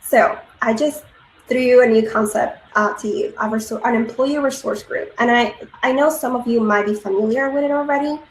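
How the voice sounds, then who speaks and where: At a moderate pace and a pitch on the high side, an earnest woman presents at a conference. She's in her thirties, grew up in Peru, and leans heavily on ums and uhs; her recording has a roomy echo and faint noise.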